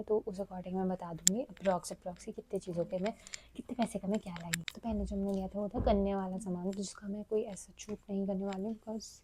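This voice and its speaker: A young woman vlogging in a chatty, bubbly way, talking straight to her viewers. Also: mid-range voice. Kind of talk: casual vlog chat. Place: city streets, shops and home. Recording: noisy street and shop sound.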